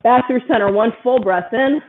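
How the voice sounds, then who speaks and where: A woman leading a yoga class, giving a steady stream of short, encouraging cues about posture and breath. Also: on the high side, moderate pace. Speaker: yoga instructor. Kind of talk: guided yoga class instruction. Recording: tinny phone-like sound.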